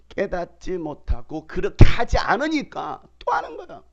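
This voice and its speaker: A man preaching a sermon as pastor, emphatic, swinging between loud bursts and quiet asides, acting out quoted voices. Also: very high voice, vocal fry, lo-fi sound. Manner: acts out quoted dialogue in changed voices.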